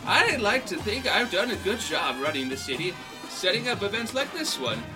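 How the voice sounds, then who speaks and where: A man's voice: high-pitched, big pitch swings, normal speed, pitched above the performer's own voice. A man voicing a pompous small-town mayor making a self-satisfied campaign speech. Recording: distant mic, music bed.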